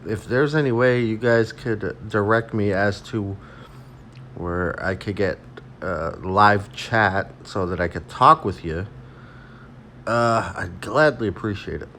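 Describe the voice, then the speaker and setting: A man's voice: on the low side, takes it slowly, a bit bright, slight background noise. A man ranting crudely and rambling with lots of fillers in a casual livestream, talking into a phone while eating. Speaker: vlogger.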